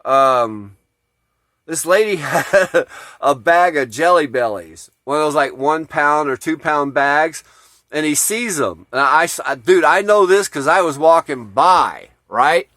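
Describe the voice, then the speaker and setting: A man's voice: a little high, takes it slowly, bright, forceful tone, no echo. A man telling a story in a casual, rambling way, with plenty of swearing. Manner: profane, laid-back, rambling. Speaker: off-grid vlogger.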